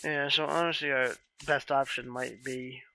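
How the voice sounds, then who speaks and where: A man chatting casually on a live stream, relaxed and rambling, often trailing off with questions. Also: medium pitch, normal speed, vocal fry.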